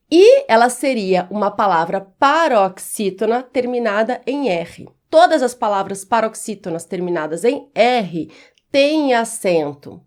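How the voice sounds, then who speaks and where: A woman teaching Portuguese pronunciation in a video lesson, speaking clearly and quizzing the viewer. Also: a little high.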